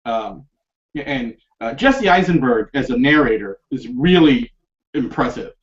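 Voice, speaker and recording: A man's voice: medium pitch, animated, measured pace. A man hosting a casual film discussion podcast, rambling with lots of fillers and restarts and laughing often. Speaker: podcast host. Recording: dull lo-fi podcast recording.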